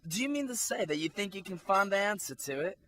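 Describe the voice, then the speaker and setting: A woman's voice: mid-range voice, lively intonation, fast, a bit bright, lightly acted. A woman playing a brusque, bossy hare who contradicts everyone, in an amateur audio drama. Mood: rude, contrary. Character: brusque, contrary March Hare at tea party.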